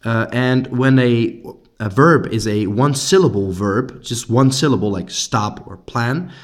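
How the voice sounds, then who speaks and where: A man with a Dutch accent teaching English grammar in a recorded lesson for his students. He explains each point patiently and step by step, with frequent fillers. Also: fairly low pitch.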